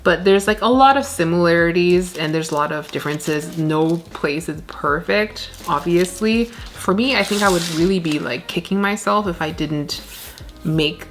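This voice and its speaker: A woman, chatting casually while repotting plants at home, rambling with lots of fillers. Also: on the low side. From Canada. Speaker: plant vlogger. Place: indoor plant room, shelves of plants. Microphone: camera on desk, medium framing.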